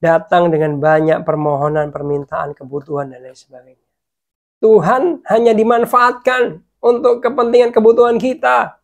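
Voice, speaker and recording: A man preaching a casual devotional sermon, chatting with listeners as "guys", sometimes dropping to a soft hush and sometimes urging them louder. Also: high voice, flat delivery, normal speed, gravelly. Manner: chatty, addresses listeners as "guys", mixes in English words; swings between soft, hushed passages and louder urging.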